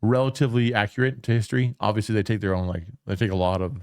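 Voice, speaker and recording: A man's voice: fairly low pitch, rapid-fire, a little mellow, clear, resonant tone, no echo, clean studio sound. A man co-hosting a podcast in casual chat, rambling and swearing, often restarting his sentences. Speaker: podcast co-host.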